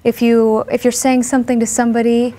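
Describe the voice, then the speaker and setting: A woman's voice: a little high, little pitch movement, brisk, dark tone. A stage actress in an interview, explaining things plainly with small fillers as she talks. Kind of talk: casual interview chat.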